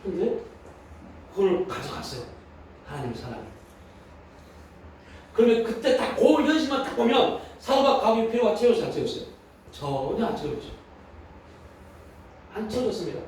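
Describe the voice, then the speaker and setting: Male pastor, sermon delivery, rhetorical questions; high voice, distant mic, faint noise. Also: big pitch swings, normal speed, pauses often, darkish tone. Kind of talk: sermon at prayer meeting. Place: church hall. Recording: echoey hall from a distant mic.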